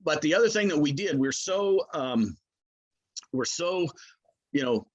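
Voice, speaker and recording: A man's voice: a little high, lively intonation, a little slow, lo-fi sound. A man explains his products in a casual interview, talking in a folksy, hesitant way as he works through the details. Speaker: game call maker, product expert.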